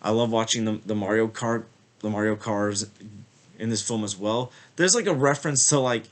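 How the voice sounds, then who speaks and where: This casual film review comes from a man with a lowish voice speaking at a moderate pace. He's got a slight cold that makes him sniffle now and then, and he meanders, leaning heavily on "like" and "I feel like."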